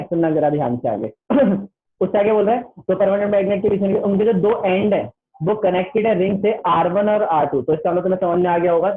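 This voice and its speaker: A man teaching an online class with a Hindi accent, chatty and repetitive, reading the textbook aloud slowly in English. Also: sits high. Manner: chatty, keeps saying "listen carefully", reads the textbook slowly in English. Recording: tinny phone-like online class audio.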